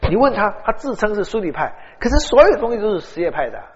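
A man's voice: sits high, fast talker. A middle-aged man preaching a sermon, telling stories animatedly and acting out dialogue. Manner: animated storytelling, acts out dialogue. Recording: dull, long-reverb hall.

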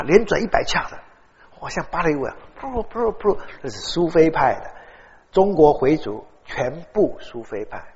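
A middle-aged man preaching a sermon, telling stories animatedly and acting out dialogue. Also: fairly high pitch. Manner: animated storytelling, acts out dialogue. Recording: dull, long-reverb hall.

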